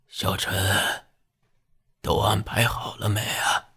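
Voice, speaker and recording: A man voicing an injured old fortune-teller in an audiobook, speaking with a lilt. The voice is low, creaky and husky, and each word comes out very slowly and without strength. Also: sharp tone, heavily acted. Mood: weary. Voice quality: creaky, breathy and weak. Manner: slow, faint, short of strength.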